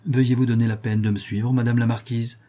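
A man's voice: medium pitch, flat delivery, brisk, dark tone, close to an everyday voice. A man doing a polite hospice director. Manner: polite, formal. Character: respectful male hospice director.

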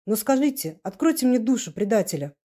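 A woman's voice: on the high side, sing-song, a little fast, mellow, slightly rough. A woman voicing a young male revolutionary who speaks in clipped, angry bursts. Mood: fierce. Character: young male revolutionary, hot-headed and fierce.

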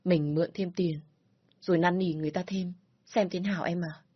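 A woman voicing a calm young man in a spoken story, steady and comforting. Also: on the low side, a little fast, slightly rough, dry recording, lo-fi sound. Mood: reassuring. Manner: soothing, steady. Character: calm reassuring young man, narrator's boyfriend.

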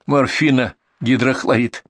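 A man's voice: medium pitch, fairly even intonation, unhurried, no echo. A man voicing a frightened young male addict in his twenties, talking hurriedly and pleading, in a storybook reading. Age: 20s.

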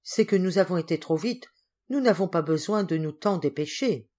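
Woman doing a kindly nursemaid, gentle and practical, storybook reading. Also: fairly low pitch, expressive, moderate pace. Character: kindly middle-aged nursemaid.

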